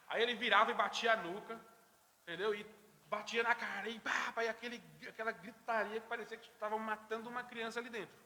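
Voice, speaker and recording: A man teaching a church Sunday school class, telling a story in a lively way and acting out the voices. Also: sits high. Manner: lively storyteller who acts out dialogue. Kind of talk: anecdote told to a church class. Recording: reverberant church hall.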